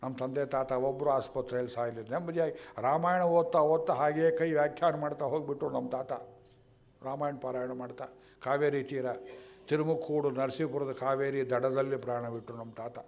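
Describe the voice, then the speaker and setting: A man's voice: medium pitch, a little fast, a little hiss or hum. A man giving a scripture discourse in a lecture hall, telling stories wryly and chanting verses, on a dull lo-fi recording. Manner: animated, wry storytelling. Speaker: religious scholar giving a discourse.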